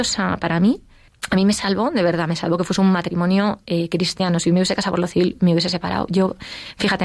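A woman's voice: on the low side, gravelly, a little mellow, no echo. A middle-aged woman telling her personal story in an interview, acting out the voices she quotes. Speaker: interview guest.

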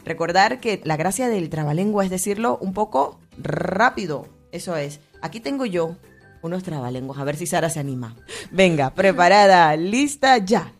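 A woman's voice: fairly low pitch, animated, moderate pace, soft background music. A woman hosting a children's radio program, playful and laughing as she stumbles through tongue twisters. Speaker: radio host.

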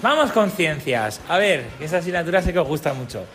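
A man's voice: on the high side, big pitch swings, fast talker, a bit bright, soft background music. A man, a teacher quizzing children on a school radio show in an encouraging, playful way. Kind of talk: quizzing children in class chat.

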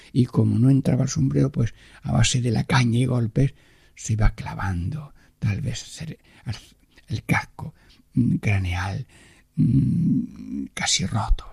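A man giving a devotional radio sermon and prayer, halting with pauses and fillers and often sinking to a hushed whisper, close to the microphone. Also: medium pitch, creaky, slightly rough, no room sound. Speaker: radio preacher.

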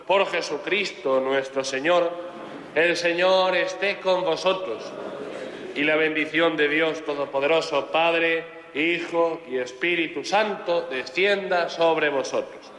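Priest, male, accent from Spain: solemn, measured liturgical delivery in a high register, cathedral echo in a large church. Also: fairly bright tone. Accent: Spain Spanish. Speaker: priest celebrating mass. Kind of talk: liturgical prayer and blessing. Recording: echoey church with long reverb.

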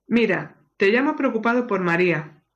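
A woman's voice: medium pitch, lively intonation, moderate pace, dull audio, lightly acted. A woman voicing an anxious middle-aged husband calling his doctor in a radio joke, earnest and fretful. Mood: worried. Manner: calls out loudly, anxious.

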